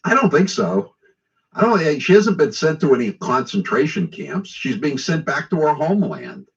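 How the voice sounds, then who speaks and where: An American political talk radio host delivers an opinionated, sarcastic monologue in a mocking, conversational tone. His voice is on the high side and sing-song at normal speed, recorded far from the mic over a dull lo-fi radio relay.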